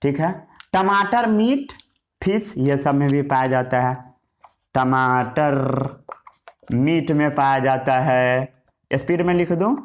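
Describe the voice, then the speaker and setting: A male teacher giving a science lesson, asking questions and answering them himself, repeating key words while he writes. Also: medium pitch. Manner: repetitive question-and-answer teaching, writing as he talks. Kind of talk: Hindi science lesson with English terms.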